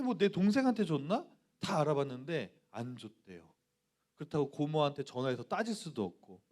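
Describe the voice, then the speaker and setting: A male pastor with a fairly high, slightly mellow voice preaches to students, sharing a personal story and posing questions to his listeners. He acts out the voices of the people he quotes.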